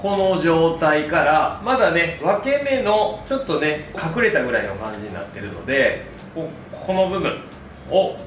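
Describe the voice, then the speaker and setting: A man in his thirties with a slightly high, sing-song, somewhat bright voice talks at a normal pace, and there's a bit of hiss or hum on the track. As a hairdresser, he leads an upbeat, friendly, step-by-step hair tutorial to camera. Music plays behind him, and the distant mic gives the sound a roomy echo.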